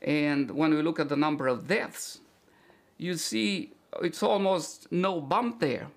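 A man's voice: fairly high pitch, slow. A man in his forties from Romania, explaining things earnestly at home with wry asides. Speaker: doctor presenting health videos. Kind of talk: explanatory talk over screen share. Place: home room, indoors.

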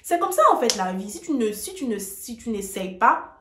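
A woman's voice: a little high, sing-song, normal speed, a bit bright, slight background noise. Emphatic woman teaching in an echoey room. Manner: emphatic, direct, speaks straight to viewers. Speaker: English tutor on video. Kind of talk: casual lesson to camera.

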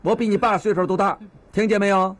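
A man's voice: high voice, fairly even intonation, fast talker. An actor in his fifties playing a patient, fatherly neighborhood police officer with a Beijing accent, lecturing and mediating a quarrel in a TV drama. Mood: stern. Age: 50s. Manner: patient, lecturing mediator who scolds and coaxes. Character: seasoned middle-aged male beat cop, stern yet fatherly. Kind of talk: TV drama acting.

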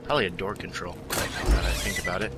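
A man's voice: low-pitched, steady tone, fast, noisy background. A man hosting a gaming video, giving casual let's-play commentary, rambling and joking as he plays. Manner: rambling, joking, talking to himself. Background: game gunfire.

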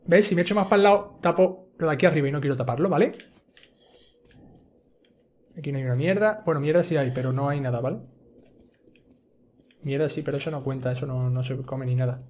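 Spain-accented male streamer, live play-by-play, jumpy, cusses, a bit high-voiced. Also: quick pace, pauses often, a little hiss or hum. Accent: Spain Spanish. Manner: excitable, swearing, yelling when startled. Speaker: gaming streamer. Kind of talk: live gameplay commentary.

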